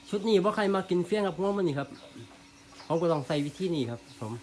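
A man's voice: high voice, a little fast, a little hiss or hum. A man with a Northeastern Thai Isan accent, talking casually and politely in his farm vlog at a cattle pen outdoors. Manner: relaxed, polite, ends phrases with "khrap phom". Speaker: farmer vlogger.

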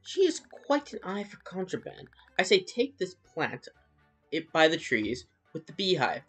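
A man's voice: sits high, huge pitch swings, unhurried, a bit bright, breathy edge, faint music behind, voice pushed up, heavily acted. A man voicing a smug, polite, scheming schoolboy in a put-on British accent, with prim, clipped phrasing.

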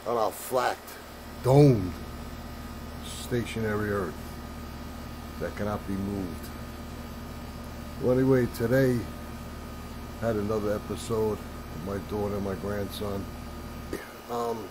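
A man's voice: fairly low pitch, measured pace, long pauses, background noise. An older man telling a rambling story in a monologue to camera, full of fillers and "I said". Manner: meandering, repeats "I said", many fillers. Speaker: flat-earth video maker.

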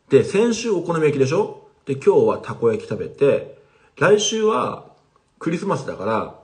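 Man, casual livestream host, chatty, replies to viewer comments, animated pitch. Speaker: language teacher streaming live.

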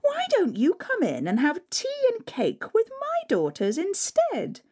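A woman voicing a scheming, falsely sweet stepmother in a spoken folk tale, with a shrill, gushing manner. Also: huge pitch swings, a little slow, a little mellow, exaggerated voice.

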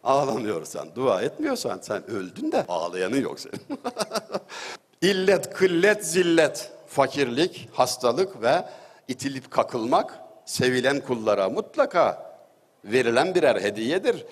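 A man's voice: medium pitch, very animated, unhurried. A middle-aged man giving a religious talk, telling anecdotes with wry humor and an easy storytelling manner. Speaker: religious speaker. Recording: long hall reverb.

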